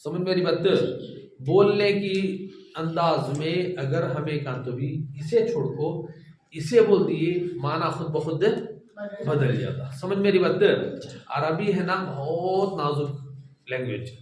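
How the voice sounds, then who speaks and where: A man's voice: on the high side, lively intonation, unhurried, darkish tone. Male teacher at the front of a classroom, patient and repetitive; very roomy echo. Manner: keeps checking that students follow; patient, repeats and models sounds. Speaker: Quran teacher. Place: classroom with students. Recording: echoey room, distant mic, faint noise.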